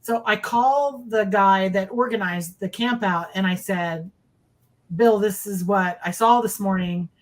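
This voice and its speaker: A woman's voice: medium pitch, unhurried. A middle-aged woman on a video call, casually recounting her own experience with emphatic repetition. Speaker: guest recounting sightings. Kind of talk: casual personal storytelling. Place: indoors in a dim room, on a video call.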